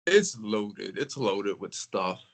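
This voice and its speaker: A man in casual conversation about crystals, talking in a relaxed, rambling way with many filler words. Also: on the low side, slow pace, poor audio. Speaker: crystal collector.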